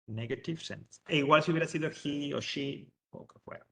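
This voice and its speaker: A man teaching an English grammar lesson, explaining step by step and reading example sentences slowly. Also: fairly high pitch, bright, forceful tone. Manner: explains step by step, checks understanding with frequent "¿vale?" and "¿ok?". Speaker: adult education English teacher. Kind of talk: recorded online English lesson.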